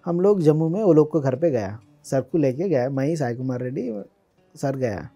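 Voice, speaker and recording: Mellow-voiced man telling stories. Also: a little high, animated, moderate pace, faint music behind. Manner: chatty, mixes English words, laughs while recalling. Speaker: guest. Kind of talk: casual personal storytelling.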